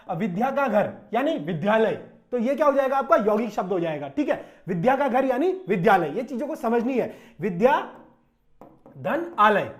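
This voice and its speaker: A man teaching an exam-prep grammar lesson in a casual way, breaking words into syllables and firing questions back at students. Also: very high-pitched. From Uttarakhand, India. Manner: conversational, repeats questions, says "bhai", stretches out syllables.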